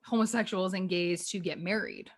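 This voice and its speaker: A woman's voice: on the low side, moderate pace. A woman in her mid-twenties hosting a podcast, talking earnestly in a casual chat with many fillers. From Canada. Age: 20s. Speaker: podcast host.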